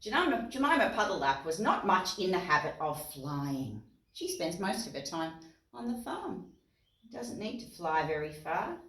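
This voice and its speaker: Speaking at normal speed in a lowish voice, an Australian woman reads stories expressively for little kids. She asks them questions and explains words plainly. A distant mic catches roomy echo along with guitar music.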